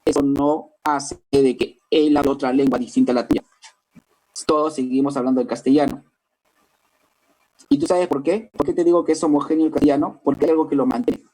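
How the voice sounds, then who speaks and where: Here a Peruvian man with a Lima accent lectures to a language class, proceeding step by step and checking in with listeners again and again. His voice sits on the high side, mellow and brisk, with fairly even intonation, captured in a rough recording.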